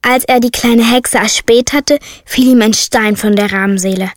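A woman reading a storybook aloud as narrator, measured and clear. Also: a little high, fairly even intonation, no room sound, studio quality.

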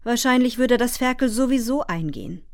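A woman reading aloud and voicing a practical farm mother who speaks briskly and matter-of-factly. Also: a little high, lively intonation, a little mellow, no echo, studio quality, voice pushed up. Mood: firm.

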